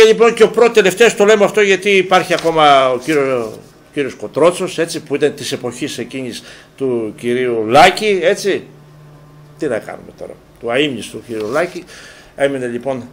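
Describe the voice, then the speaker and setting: A man from Greece hosts a local television sports talk show in a high-pitched voice. He rants with animated energy, throwing rhetorical questions at his audience in casual commentary. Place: local TV studio.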